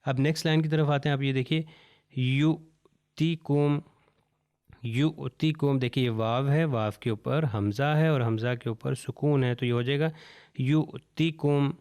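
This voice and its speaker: Man, Quran recitation teacher, smooth resonant tone at a mid pitch, patient and slow on every example word. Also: darkish tone. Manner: patient, repeats each word slowly and deliberately. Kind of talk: step-by-step recitation lesson.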